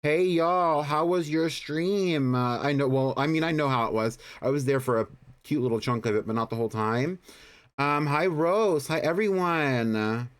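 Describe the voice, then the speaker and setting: On the high side and clear, his resonant voice moves at a moderate pace as he hosts a live game stream. He's friendly and talkative, welcoming viewers and remarking on the gameplay over background music.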